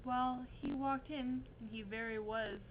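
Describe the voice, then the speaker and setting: A woman's voice: a little high, fairly even intonation, unhurried. A young woman improvising a story with a friend, playful, with jokey asides. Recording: dull lo-fi recording with faint hiss.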